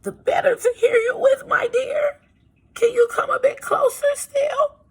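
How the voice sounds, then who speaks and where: A woman voicing a sly, hungry wolf who pretends to be a sweet old grandmother, in a scratchy falsetto for a children's storybook. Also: fairly even intonation, a little slow. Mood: eager coaxing. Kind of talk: children's storybook read-aloud.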